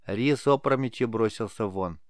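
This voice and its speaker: A man narrating a fantasy audiobook in a measured, scripted way. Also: lowish voice, no echo, clean studio sound.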